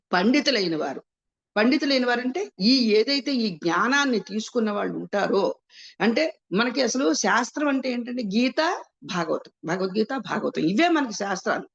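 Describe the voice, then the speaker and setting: A woman's voice: fairly high pitch, vocal fry. A woman explaining scripture, asking and answering her own rhetorical questions and mixing English words into her speech. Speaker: spiritual teacher. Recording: muffled lo-fi sound.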